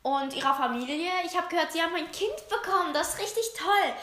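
A girl voicing a flattering schoolgirl who sucks up to the teacher in a sugary tone. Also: extremely high pitch, fast talker. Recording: roomy echo.

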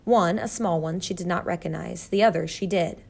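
Woman narrator for children's audiobook, low voice with creak, steady reading. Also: moderate pace. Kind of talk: storybook narration.

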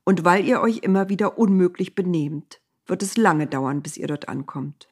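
A woman's voice: fairly low pitch, moderate pace, husky. Woman voicing a stern, unmoved God. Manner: calm, stern, unmoved, briefly snapping. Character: God, stern weary divine voice from a cloud.

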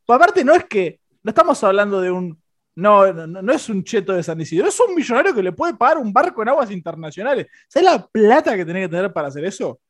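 A young man with a Rioplatense accent, co-hosting a casual film review podcast in an animated, joking way. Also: fast. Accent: Rioplatense Spanish. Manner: animated, joking, voice swings high and low. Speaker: podcast co-host.

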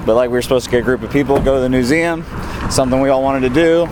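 A man's voice: mid-range voice, very fast. A man hosting an informal spoken audio diary, chatting casually and noting the time as he goes. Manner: informal, often recapping the time and day. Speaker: host of an audio travel diary. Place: on the move through hotel lobbies and streets. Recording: handheld recorder with clear ambient noise.

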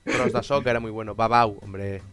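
Faint music plays behind this channel host, a man with a lowish, slightly bright voice and fairly even intonation. Catalan is his native tongue and his accent shows as he chats casually and fast, joking around, cursing now and then, and switching between languages.

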